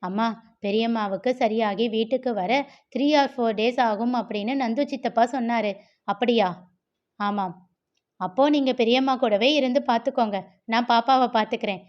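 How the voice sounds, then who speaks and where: A woman's voice: on the high side, normal speed, close to an everyday voice. A woman voicing a small boy who tries to sound grown-up, earnest and dutiful, in a read-aloud novel on a slightly dull recording.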